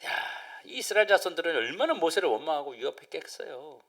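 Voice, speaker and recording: Male pastor, sermon, high and very lively pitch, acts out crowd voices, swings loud to hushed. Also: a little fast. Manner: animated, acts out crowd voices, drops to near-whisper. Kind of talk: Wednesday service sermon.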